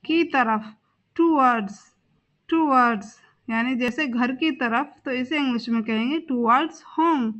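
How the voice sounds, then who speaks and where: Young woman teacher going thru vocab words, high voice, slow, says each one twice. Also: fairly bright tone, dull audio. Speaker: English teacher. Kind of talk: vocabulary lesson.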